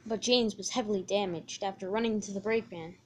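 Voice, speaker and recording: A woman's voice: medium pitch, fairly even intonation, fast talker, a little hiss or hum. A woman narrating a homemade story about toy trains, with loose, stumbling restarts. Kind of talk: amateur fan story narration.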